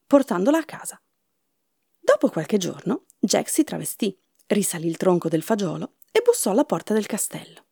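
A woman reads a fairy tale aloud, her pitch rising and falling with the drama of the story. Her voice is mellow and slightly husky, and the recording is dry and close. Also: no echo. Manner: expressive storybook narration.

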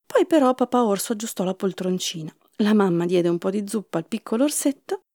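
A woman's voice: mid-range voice, expressive, brisk, mellow, no echo, studio quality. A woman narrating a children's fairy tale expressively, at times dropping to a whisper.

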